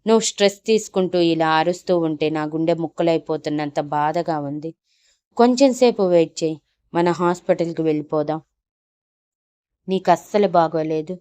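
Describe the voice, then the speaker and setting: A woman voicing a remorseful young man who pleads softly and soothingly in a storybook audio drama. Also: sits low, moderate pace, smooth, lightly acted.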